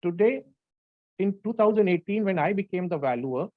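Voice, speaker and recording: A man's voice: high voice, animated, normal speed. Male lecturer, North Indian accent, insistent and explanatory, repeats himself; dull, muffled recording. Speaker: lecturer, registered valuer. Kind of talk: explanatory lecture with audience questions.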